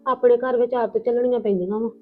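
Older aunt figure with a Punjabi accent, blunt and scolding yet protective, played by a woman. Slightly high pitch, lo-fi thin recording with faint music. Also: fairly even intonation, quick pace, close to an everyday voice. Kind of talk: village family drama acting. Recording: tinny phone-like lo-fi with music.

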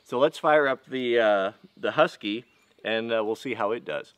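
A vlogger tests chainsaws outdoors in a yard beside a tractor, giving a casual hands-on demonstration. His medium-pitched voice is smooth and fairly bright, with no echo. He rambles haltingly, constantly restarting and using fillers.

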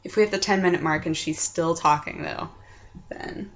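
A woman's voice: deep voice, normal speed. A woman in her twenties chats casually as a vlog host at home, rambling playfully and acting out what she describes. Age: 20s. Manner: playful, rambling, acts out sounds and quotes. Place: small furnished room at home, indoors. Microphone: computer webcam mic at arm's length. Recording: dull lo-fi webcam sound.

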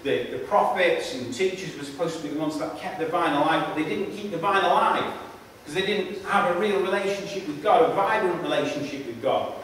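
A man delivers a sermon in a high, earnest voice, repeating and restarting his phrases for emphasis. He sounds far from the mic in a very echoey church hall with a long reverb tail. A faint hiss of room noise sits underneath. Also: fairly quick, a bit bright. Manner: repetitive, emphatic, stumbling restarts. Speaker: preacher.

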